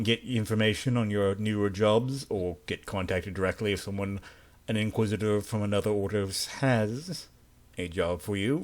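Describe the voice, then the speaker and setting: A man's voice: lowish voice, close to an everyday voice. A man voicing a stern, bureaucratic male interrogator in a tabletop game, with a formal, dryly sardonic address. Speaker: game master.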